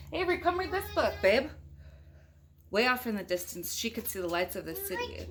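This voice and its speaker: This mother has a medium-pitched voice, with a bit of background noise in the clip. She reads a picture book to young children and viewers in a relaxed storytime style, tossing in chatty asides and questions as a mom would with little ones.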